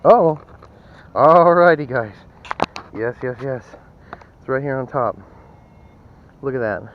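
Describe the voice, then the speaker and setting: A man's voice: mid-range voice, expressive, slow, dull audio, slight background noise. A man vlogging as he metal detects on a sand beach at dawn, chatting to viewers and often exclaiming. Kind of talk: casual narration to camera while detecting.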